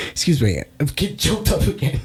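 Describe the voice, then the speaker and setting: A man's voice: fairly high pitch, big pitch swings, unhurried. A man playing a crude, clueless podcast guru. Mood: boastful, rambling. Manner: rambling, crude, confidently clueless, fake-tearful. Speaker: comedy guest playing a clueless podcast expert. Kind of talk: improvised comedy sketch.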